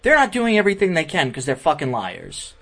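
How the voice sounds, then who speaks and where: A man hosts a political podcast and reacts to video clips. He rants heatedly, swears often and hammers his points by repeating them. His pitch sits a little high. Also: huge pitch swings, a little fast, gravelly, a bit bright. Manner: heated, profane, repetitive ranting. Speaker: podcast host. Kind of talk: political commentary over clips.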